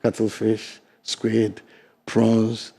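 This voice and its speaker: Speaking very slowly in a monotone with vocal fry and a breathy edge, an older man with a Ghanaian English accent makes his case as a studio interview guest. He's from the fisheries sector and argues emphatically, alternating loud stresses with low asides.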